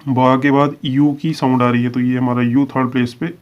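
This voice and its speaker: Heard on a dull, lo-fi recording, a man with a medium-pitched voice delivers a shorthand lesson flatly and at a moderate pace. It's a step-by-step video lesson where he explains every example patiently, repeats himself, and draws out the example words.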